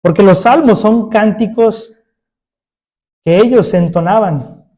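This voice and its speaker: A man's voice: sits high, takes it slowly, darkish tone. A man preaching a sermon as pastor, emphatic, putting rhetorical questions to his congregation.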